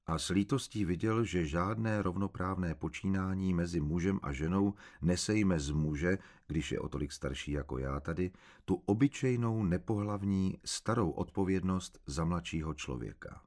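Brief: deep-voiced man, calm measured first-person book narration. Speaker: audiobook narrator.

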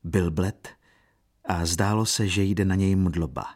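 A man narrating a classic novel in a measured, expressive audiobook reading. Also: deep voice.

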